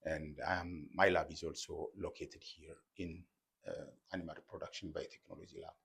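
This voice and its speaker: A middle-aged man from Ethiopia, a professor explaining embryo research in an interview, careful and halting with many fillers and repeated words. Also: rumbling low, fairly even intonation, creaky, noisy background.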